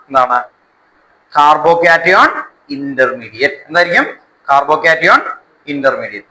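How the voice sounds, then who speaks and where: A man's voice: on the high side, sharp tone, low-quality recording. A man with a Malayali accent teaching a school lesson step by step, mixing Malayalam with English technical terms and repeating key words with check questions. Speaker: chemistry teacher.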